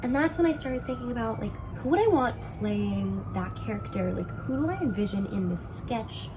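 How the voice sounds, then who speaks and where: Young woman with vocal fry, chatting casually. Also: on the high side, animated, moderate pace, over music. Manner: informal, slangy, frequent "like". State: sore throat. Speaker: vlogger, musician and sketch writing student.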